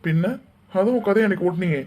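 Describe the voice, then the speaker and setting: A man's voice: sits high, fast talker, a little mellow. A man voicing a joking, teasing older brother in a cartoon family argument. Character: young man, a bantering brother of the bride. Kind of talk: cartoon dialogue acting.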